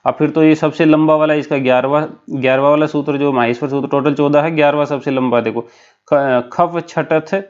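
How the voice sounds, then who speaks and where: A man's voice: on the high side, fairly even intonation, a little fast, darkish tone, lo-fi sound. A man teaching a lesson for an exam, explaining step by step with a memory story and often checking in with his listeners.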